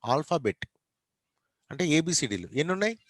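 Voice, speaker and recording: A man's voice: a little high, big pitch swings, moderate pace, no echo. A man with a Telugu accent lecturing an online class, mixing Telugu and English, questioning students and spelling words out letter by letter.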